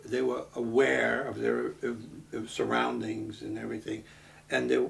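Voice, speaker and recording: A man, from Brooklyn, speaking earnestly in a documentary interview, halting with many restarts. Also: mid-range voice, animated, gravelly, a bit bright. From Brooklyn, New York. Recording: voice from a distance off the mic.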